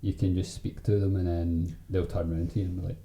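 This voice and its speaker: A Scottish podcast host with a broad Scottish accent chats casually, swearing and using slang as he tells anecdotes. His voice is low, mellow and level, and he talks fast. The recording has a roomy echo and background noise.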